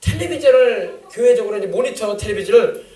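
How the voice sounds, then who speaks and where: A man's voice: high voice, lively intonation, brisk, mellow. A male pastor preaching a sermon, emphatic and repetitive, urging his congregation to pray. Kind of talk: sermon with call-and-response. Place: church sanctuary. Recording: echoey room, mic at a distance.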